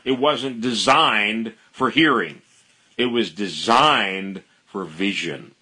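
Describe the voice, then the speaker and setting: A man's voice: lowish voice, slow, bright, forceful tone, slightly rough. A man preaching a sermon in a plain-spoken teaching manner, stressing points with emphatic repetition.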